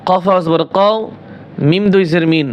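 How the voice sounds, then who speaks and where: A man teaching Quran recitation, spelling out words and asking questions he answers himself, then chanting drawn-out melodic readings. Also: sits high, fairly even intonation, slight background noise. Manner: drawn-out melodic recitation between quick explanations.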